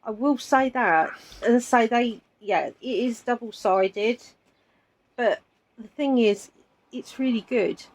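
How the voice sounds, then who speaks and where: A woman's voice: fairly high pitch, slow pace. A woman, chatting casually while unboxing a subscription box with her partner, with chuckling asides. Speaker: co-host of an unboxing channel.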